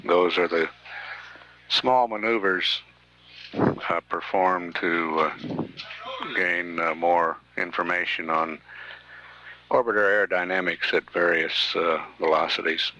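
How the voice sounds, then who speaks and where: Man, low-pitched, bright edge, halting measured mission commentary, faint radio hiss. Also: steady tone, lo-fi sound. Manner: halting, measured, pausing mid-sentence. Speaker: mission control public affairs announcer.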